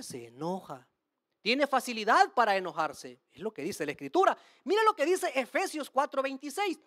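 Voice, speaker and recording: A woman preacher delivers a sermon with a lively, swooping delivery. She presses her listeners with rhetorical questions and calls them brothers and sisters. The sound is close and dry. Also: on the high side, dry recording. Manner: addresses the audience as brothers and sisters; streams to listeners online.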